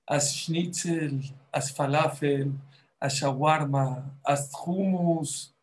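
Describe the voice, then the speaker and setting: A man preaching a fervent sermon to a group of women, rising to emphatic peaks. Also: a little high.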